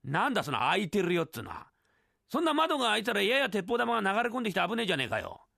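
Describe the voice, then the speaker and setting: A man playing a gruff townsman who heckles in rough Edo-style talk, in rakugo storytelling. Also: high voice, wildly swooping pitch, racing, bright, forceful tone, no echo, studio quality, exaggerated voice. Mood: mocking. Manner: rough Edo-style tough-guy speech.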